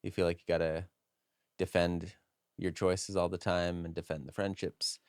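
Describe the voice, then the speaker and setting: A man co-hosts a casual podcast in a very low voice. He teases his co-host with dry, deadpan one-liners and talks candidly about his own life. His voice is recorded close and dry. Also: moderate pace, clear, resonant tone, dry recording. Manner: dry teasing humor.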